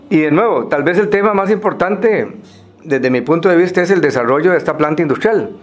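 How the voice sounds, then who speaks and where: A Costa Rican man speaking semi-formally to a group, explaining things in a halting way with pauses and repeated words. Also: on the high side.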